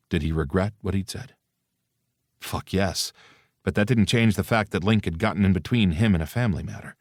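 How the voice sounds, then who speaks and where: A man narrating a novel with an even, matter-of-fact read. His voice is very deep and recorded bone-dry in a booth. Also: dry recording. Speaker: audiobook narrator. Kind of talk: scripted narration.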